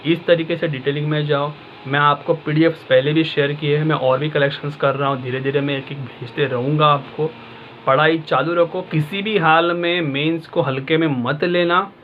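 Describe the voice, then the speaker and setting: A man's voice: fairly high pitch, steady tone, normal speed, highs cut off, slight background noise. A male exam-prep tutor talking casually and directly to his students, in a conversational coaching manner.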